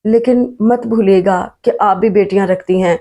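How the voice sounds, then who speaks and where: A woman's voice: medium pitch, fairly even intonation, dark tone, close to an everyday voice. A woman reading the part of a young servant woman who is desperate and defiant, in a story reading. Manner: pleading, defiant.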